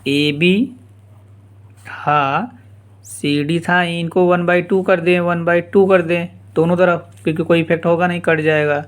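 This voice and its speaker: A man's voice: fairly high pitch, little pitch movement, a little slow. A man teaching a geometry proof step by step, casually repeating each step and calling the listeners "yaar". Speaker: math teacher. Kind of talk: blackboard geometry lesson.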